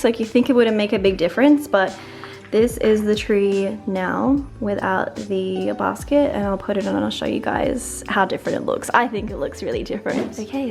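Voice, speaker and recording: A woman's voice: medium pitch, a little mellow. A woman chatting casually to camera while she decorates her living room, upbeat and full of "like". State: briefly out of breath. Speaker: lifestyle vlogger.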